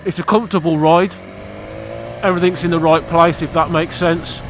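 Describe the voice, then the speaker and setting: A British man with hay-fever stuffiness rambles cheekily and bluntly about his motorbike to camera outside. He's a motorcycle vlogger whose voice sits on the high side, steady and moderately paced, against a noisy background.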